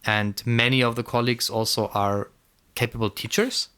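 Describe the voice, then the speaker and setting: A man's voice: mid-range voice, fairly even intonation, moderate pace, pushed and bright, smooth. A man co-hosting a casual podcast, rambling and repeating words as he thinks aloud. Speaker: podcast co-host. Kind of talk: casual conversational podcast chat.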